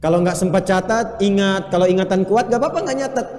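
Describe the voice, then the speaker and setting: A man preaching a lively sermon to a live audience, quizzing the listeners and chanting Arabic phrases. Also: sits high, fast talker, a little hiss or hum. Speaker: Islamic preacher. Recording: echoey hall, faint ambience.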